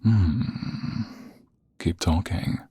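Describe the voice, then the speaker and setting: For an intimate ASMR romance roleplay, a man acts out a smug, flirtatious office rival in an extremely deep, very husky voice that often drops to a breathy half-whisper. The tone is warm but exaggerated, and he takes his time, teasing and seducing with dramatic pauses in an amused mood.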